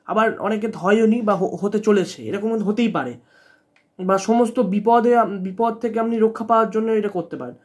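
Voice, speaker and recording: A man with a notably high voice talks through devotional advice in an earnest, reassuring way. He circles back and repeats key points, restarting phrases as he goes. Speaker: spiritual channel host.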